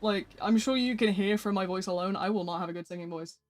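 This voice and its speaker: During a live stream, a gaming streamer chats casually and answers viewer messages in a flat, mid-range voice. He talks at a quick pace over soft background music.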